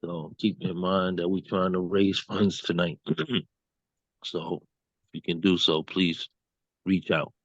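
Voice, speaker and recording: A man hosting an online open mic, relaxed and hesitant with frequent ums, over a video call. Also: sits low, slow, pauses often, dry recording. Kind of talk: casual hosting. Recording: dull dry video call audio.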